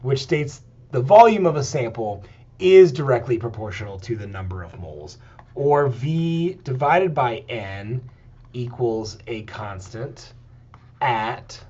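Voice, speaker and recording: A man's voice: mid-range voice, expressive, takes it slowly, mellow, slightly rough. A man lecturing on chemistry and working through slides, explaining step by step with frequent "okay" and "um" check-ins. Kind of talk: recorded lecture, writing on slides. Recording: dull lo-fi lecture recording.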